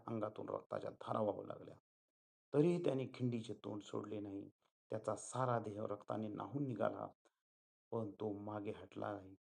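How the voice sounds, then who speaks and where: Male storyteller, low and gravelly, earnest and dramatic in his reading. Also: a little mellow. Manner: earnest, dramatic retelling with voiced quotes. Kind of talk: reading a history story aloud.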